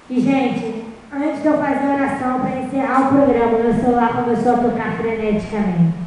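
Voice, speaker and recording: Woman preaching her testimony, high voice, big echoey hall, mic far off. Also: a little hiss or hum. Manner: lively storytelling, acting out dialogue. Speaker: guest preacher. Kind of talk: sermon testimony. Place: church.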